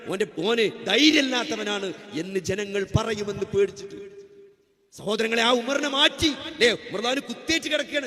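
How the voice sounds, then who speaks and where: A man's voice: extremely high pitch, bright, forceful tone, in a large hall. A man preaching a sermon, impassioned, repeating phrases and asking rhetorical questions. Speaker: Islamic preacher.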